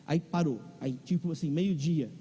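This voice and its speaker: Faint music plays behind a male pastor whose fairly high, mellow, slightly rough voice moves at a moderate pace. Speaking with a Brazilian Portuguese accent, he delivers a sermon with a comic personal anecdote, and the long reverb of a large church or auditorium is clear.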